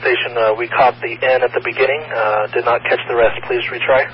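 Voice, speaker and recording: A man's voice: medium pitch, little pitch movement, a little fast. Man, net control operator, two-way radio transmission, muffled sound, faint static hiss, methodical call-sign reading. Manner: methodical, reads call signs in phonetic alphabet with frequent "uh". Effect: heard over a two-way radio with static. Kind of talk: radio net check-in procedure.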